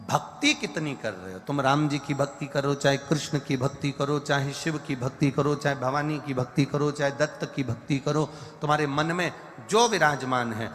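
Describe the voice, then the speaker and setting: A man's voice: medium pitch, a bit bright. A man preaching a devotional sermon, stressing his points through lists and repetition, and now and then singing verses over music. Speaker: religious storyteller. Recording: music bed in a reverberant hall.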